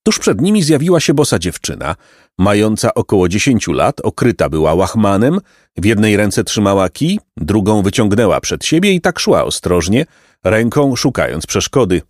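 Lively male audiobook narrator. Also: fairly low pitch, moderate pace, no room sound, clean studio sound. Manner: expressive storytelling. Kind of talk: scripted narration of a children's book.

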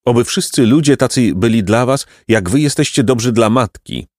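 A man's voice: medium pitch, lively intonation, normal speed, no room sound, studio quality, voice pushed up, natural voice. A man doing a tender, overjoyed old mother. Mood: blessing. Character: poor worn-out old mother, tender and joyful.

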